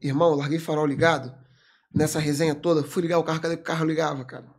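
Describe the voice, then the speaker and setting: A man, a military police corporal, telling a story as a podcast guest in an animated, emphatic way, full of slang fillers. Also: on the high side, racing. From Brazil. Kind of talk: casual storytelling in an interview.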